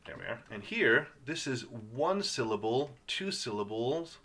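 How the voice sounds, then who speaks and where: A man of middle pitch leads a phonics lesson at a very unhurried pace. He breaks words into single sounds and says each one several times with patient care. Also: sing-song, bright, forceful tone, slightly rough. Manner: patient, sounds words out slowly and repeats them. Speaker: English reading teacher. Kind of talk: slow guided phonics lesson.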